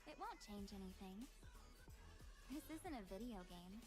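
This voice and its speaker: A woman's voice: mid-range voice, big pitch swings, measured pace. An actress voicing a cool, blunt young woman who guards something, speaking firmly and directly. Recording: game audio with music behind.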